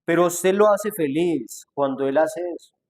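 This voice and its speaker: Male pastor, slightly raised pitch, mid-sermon, rhetorical and lively in delivery. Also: unhurried. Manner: acts out quoted objections in a changed voice; asks rhetorical questions.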